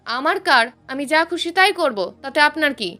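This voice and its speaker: A woman's voice: high-pitched, expressive, moderate pace, sharp tone, soft background music, pitched above the performer's own voice. A woman voicing an angry, curt young man who has come back from abroad. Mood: scornful. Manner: bitter and curt.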